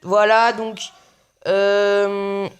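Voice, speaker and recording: A man's voice: sits high, monotone, extremely slow, clean tone. A young man giving casual, muttered play-by-play commentary on his own mobile game match, swearing often. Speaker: gaming video creator.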